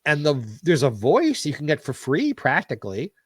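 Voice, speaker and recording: A man talking as a podcast guest in a casual interview, animated and opinionated as he tells stories. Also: on the high side, normal speed, husky, no room sound, studio quality. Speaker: podcast guest, show business historian.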